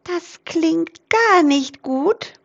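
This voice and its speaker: A tiny, plucky forest mouse , voiced by a woman storyteller pipes up in a very high, squeaky voice. The lines come slowly and leap around in pitch, like a storybook critter. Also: lively intonation, creaky, dull audio, full character voice. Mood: worried. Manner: squeaky and piping. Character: small, brave, quick little mouse.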